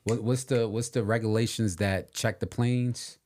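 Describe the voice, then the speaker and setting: Deep-voiced opinionated podcast co-host man. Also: steady tone, normal speed, a little mellow. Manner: opinionated, emphatic, repeats points for weight. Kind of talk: casual political and hip hop chat.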